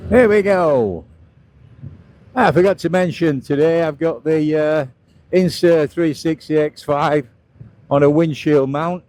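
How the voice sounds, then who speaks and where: Mellow middle-aged British man, casual riding commentary. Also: on the high side, a little slow. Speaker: motovlogger narrating a ride. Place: outdoors, riding a scooter on roads.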